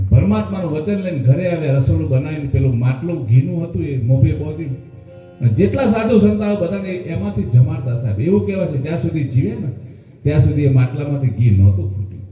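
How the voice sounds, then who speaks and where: High-voiced preacher man in echoey hall. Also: highs cut off. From Gujarat, India. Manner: addresses listeners as "saheb", swings between hushed and raised lines. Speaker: preacher at a devotional gathering. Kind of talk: devotional storytelling sermon. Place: devotional gathering hall. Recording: echoey hall with faint music.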